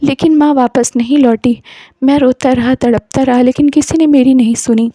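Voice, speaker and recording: A woman narrates an emotional story in a slow, scripted storytelling manner. Her voice sits fairly high but has a mellow, darker tone. The recording is close and dry. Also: fairly even intonation, no room sound.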